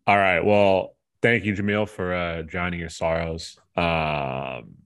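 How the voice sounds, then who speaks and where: A deep-voiced man hosts a podcast in easy, casual chat. He sounds laid-back and drops in plenty of filler sounds between his thoughts. His low voice anchors the conversation. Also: steady tone, slow, vocal fry, a bit bright, smooth. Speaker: podcast host.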